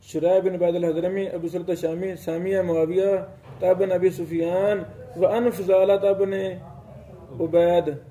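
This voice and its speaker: Man, teacher, classroom lecture, high voice, slow and deliberate, checks students' understanding. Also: little pitch movement, warm tone. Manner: explains slowly, often checks students' understanding with questions; recites classical Arabic passages. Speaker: teacher of hadith studies.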